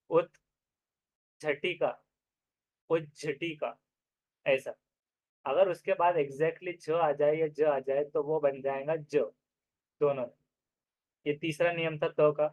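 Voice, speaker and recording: A man teaching an exam-prep grammar lesson, explaining step by step and repeating each example slowly. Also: a little high, darkish tone, dry recording. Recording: dry, phone-like narrow sound.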